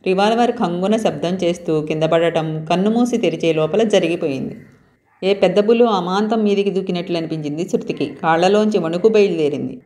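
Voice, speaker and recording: A woman reads a romance novel aloud as storyteller. Her voice sits low, and she keeps an even, steady pace of telling.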